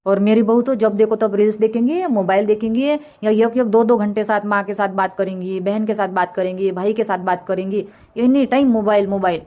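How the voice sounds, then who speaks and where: A woman's voice: mid-range voice, steady tone, a little fast, warm tone, close to an everyday voice. A woman voicing a nagging older village mother-in-law in a comic cartoon, rambling and scolding as she complains. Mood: complaining.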